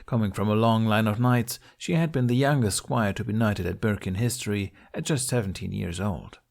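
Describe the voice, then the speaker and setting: Narrating fan fiction written as scripted prose, a man with a fairly low voice reads in an expressive audiobook style. He keeps a moderate pace, and vocal fry runs through his voice.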